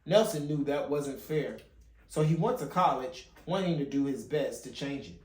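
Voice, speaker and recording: In a roomy, echoey home recording, a man who hosts a children's read-along channel as a father reads a picture book aloud. His mid-range, darkish voice has lively intonation and a moderate pace, and he sometimes stumbles and goes back over a phrase.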